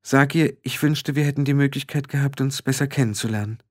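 A man's voice: medium pitch, steady tone, brisk, a little mellow, no room sound, clean studio sound, voice pushed up, natural voice. An earnest, brave young girl witch, put on by a male reader in an audiobook. The voice is lifted well above his own, sensible and a touch hesitant. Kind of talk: audiobook character voice.

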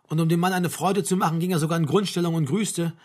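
A man narrating a novel as an audiobook in a steady, measured way. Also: a little high.

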